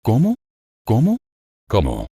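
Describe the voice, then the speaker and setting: A deep-voiced man reading a desperate young woman. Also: very animated, unhurried, a little mellow, no room sound, clean studio sound, full character voice. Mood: furious.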